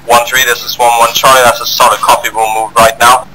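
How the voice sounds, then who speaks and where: A man's voice: medium pitch, little pitch movement, brisk, very noisy. A man speaking in clipped, formal call-sign radio talk, heard over a walkie-talkie as a squad radio operator in a military game.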